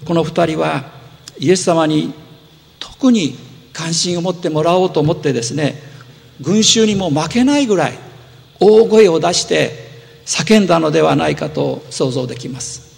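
Male pastor, slightly high gravelly voice, earnest patient sermon delivery, church with long echo. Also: moderate pace. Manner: earnest, gently explanatory, with rising emphasis. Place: church sanctuary. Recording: long hall reverb.

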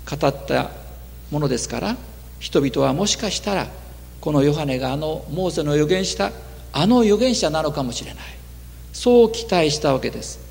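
A man preaching a sermon in a measured way, his voice dropping low at the ends of phrases. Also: creaky, a little mellow. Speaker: pastor. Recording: long hall reverb.

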